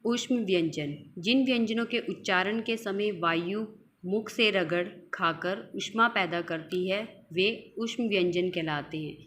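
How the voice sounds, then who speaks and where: Slow, patient woman teaching grammar. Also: mid-range voice, fairly bright tone. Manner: slow, drawn-out example sounds, explains and repeats. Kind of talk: school grammar lesson.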